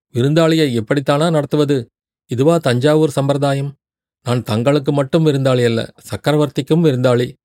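A brash young warrior envoy, as a male narrator puts him on, pouring out quick, sharp complaints in an audiobook. The voice sits at an ordinary male pitch, recorded close and dry. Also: dry recording, natural voice. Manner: rapid, scolding torrent of words.

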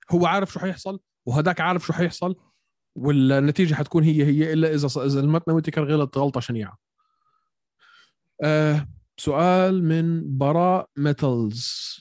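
A man's voice: on the high side, darkish tone, no echo, clean studio sound. A man with a Levantine Arabic accent hosting a casual sports debate, mixing English words into his Arabic. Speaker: podcast host reading viewer questions.

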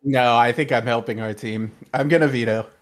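A man co-hosting a podcast, teasing and animated in casual chat. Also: mid-range voice, fairly quick. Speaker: podcast co-host.

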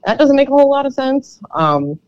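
A woman with a froggy, slightly croaky voice co-hosting a sports podcast in casual, conversational commentary, often hedging her points. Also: high voice, sing-song, a little fast, dry recording. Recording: dull, lo-fi microphone sound.

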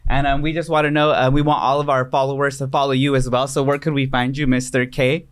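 A man's voice: mid-range voice, flat delivery, quick pace, smooth. Gushing man co-host. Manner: effusive, gushing praise. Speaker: podcast co-host. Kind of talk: casual interview chat.

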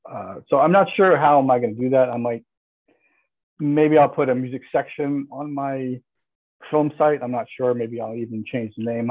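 Casual male podcast guest, unsure and halting, thin lo-fi recording. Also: mid-range voice. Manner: hesitant, many restarts and fillers. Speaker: podcast guest, musician and filmmaker. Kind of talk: casual interview chat.

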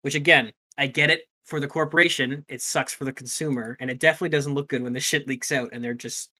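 This is a man co-hosting a gaming podcast in relaxed, conversational talk. His voice is bright and forward. He swears casually and keeps breaking off mid-thought to start again. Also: medium pitch, fast talker. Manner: loose, swears casually, trails off and restarts. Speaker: podcast co-host. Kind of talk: casual gaming news chat.

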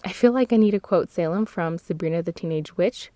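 A woman with a somewhat low voice chats through her podcast from inside a closet stuffed with clothes. The close mic and the padding leave the sound very dry and dead. She laughs easily and fixes her own slips as she goes. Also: brisk, dark tone, no echo. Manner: chatty, laughs often, corrects herself mid-sentence. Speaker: podcast host. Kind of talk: casual seasonal podcast chat. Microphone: close microphone.

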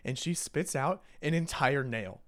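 Young male college co-host, mid-pitched, animated storyteller, filler-heavy. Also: a little slow. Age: young adult. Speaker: podcast co-host, college resident assistant. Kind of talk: casual chat.

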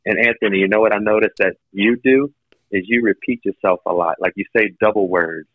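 A man calling in by phone as a podcast guest, giving blunt, candid feedback in casual chat, his voice thin with no bass. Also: a little fast, no echo. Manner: blunt, candid critique, loose with swearing. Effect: thin phone line with no bass. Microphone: phone speakerphone. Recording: dull, thin phone-call audio.

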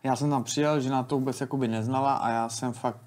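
A man's voice: medium pitch, fairly even intonation, a little mellow, a little hiss or hum. A man in his thirties, an interview guest, telling a long story in casual, rambling speech with many restarts. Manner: rambling, colloquial, frequent restarts.

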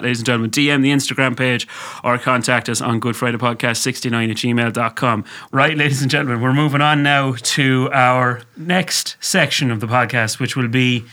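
Bright-voiced west of Ireland man hosting a podcast. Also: mid-range voice. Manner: jovial, sweary banter. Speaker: podcast host. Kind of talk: jokey casual podcast interview.

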